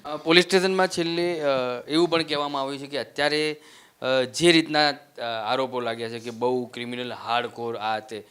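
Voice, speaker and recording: A male reporter asking probing questions in an interview, pausing on frequent hesitation fillers. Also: medium pitch, fairly even intonation, fairly bright tone, smooth.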